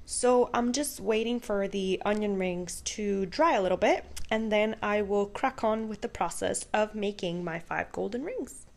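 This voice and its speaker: A woman's voice: medium pitch, unhurried, gravelly. A young woman, the daughter, hosting a casual cooking vlog from a home kitchen with a bubbly, playful manner. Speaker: vlogger, daughter.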